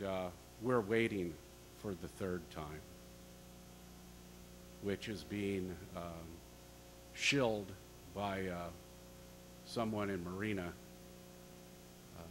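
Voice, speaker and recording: A man addressing a board during public comment as a trades council representative, halting and informal. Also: deep voice, steady tone. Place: public board meeting room. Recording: noisy meeting room with hum.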